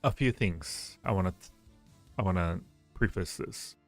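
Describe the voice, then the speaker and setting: Over soft background music, a male livestream host speaks in a low voice at a measured pace. His casual chat is teasing and rambling as he ranks things and keeps repeating his phrases.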